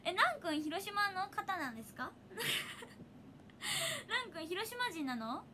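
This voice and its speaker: A woman's voice: very high voice, very animated, unhurried, bright, forceful tone, a little hiss or hum. A young woman with a Hiroshima accent chatting casually on a livestream, reading viewer comments and laughing often. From Hiroshima, Japan. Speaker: idol livestreamer.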